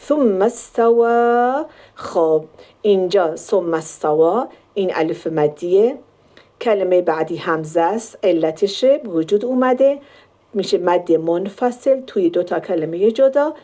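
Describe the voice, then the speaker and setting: A woman with a mellow, dark voice teaches a Quran recitation lesson. She explains each point step by step. She draws out the sample words slowly to show how long each sound is held. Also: lowish voice, lively intonation.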